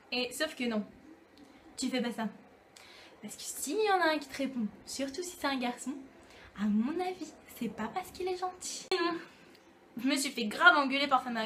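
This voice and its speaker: This is a casual, comedic to-camera vlog by a young French YouTuber whose high voice has a fairly bright tone. She chats playfully and performs little dialogues, with slight background noise in the clip.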